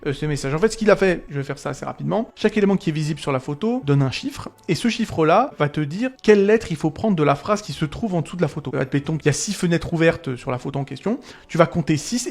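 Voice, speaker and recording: Fast-talking excited man. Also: fairly high pitch. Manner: enthusiastic, chatty, addresses viewers directly. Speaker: video essay host. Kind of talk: casual video game analysis.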